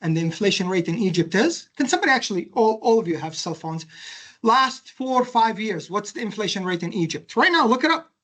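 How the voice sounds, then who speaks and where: A man from Jordan with a Jordanian accent giving a classroom lecture, animated and emphatic, firing questions at his students. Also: sits high, fairly quick. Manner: animated, emphatic, quizzing the audience with rhetorical questions. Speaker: university lecturer.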